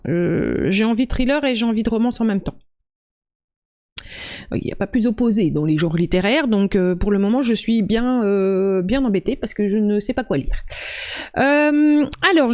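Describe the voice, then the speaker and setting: A woman's voice: on the high side, a little mellow. Chatty woman. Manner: chatty, many fillers and restarts. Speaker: booktuber. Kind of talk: casual chat about books. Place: at home.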